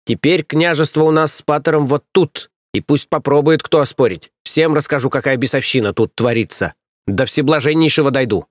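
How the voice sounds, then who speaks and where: A coarse, scheming stout nursemaid woman, as a male reader puts her on, scolding and sneering in a pitched-up, shrill voice. The sound is dry and close, with no room around it. She is bossy and contemptuous throughout. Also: a little fast, no echo, natural voice. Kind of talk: audiobook character voice.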